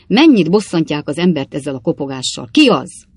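A man reading an audiobook, voicing an excitable, kindly older gentleman who bursts out in flustered exclamations. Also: a little high, no echo.

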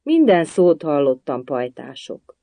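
A storybook reader voicing a drowsy dormouse who mumbles a slow fairy tale. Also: medium pitch, very animated, creaky, dark tone, no room sound. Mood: sleepy.

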